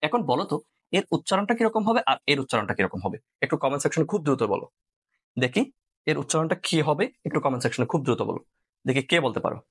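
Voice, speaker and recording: A man's voice: on the high side, big pitch swings, fairly bright tone. A man from Bangladesh teaching a live online science class, repeating points and checking if students follow. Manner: quick, repeats points, asks "clear?"; mixes in English words.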